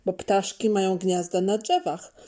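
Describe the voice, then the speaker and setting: A woman voicing an eager, chatty little girl in a children's storybook, with a high, excited childlike voice. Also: normal speed, natural voice.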